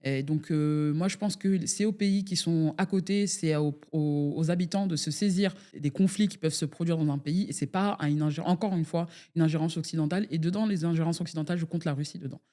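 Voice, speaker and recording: A woman's voice: deep voice, fairly quick, hardly any pauses, warm tone. A woman, an ecologist activist in a political debate, speaking hesitantly with many fillers.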